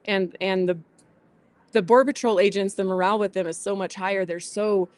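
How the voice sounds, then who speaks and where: A woman's voice: mid-range voice, steady tone, a little fast, no echo. A woman explaining things plainly as a guest in a casual interview. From southwestern New Mexico, USA. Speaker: rancher and podcast guest.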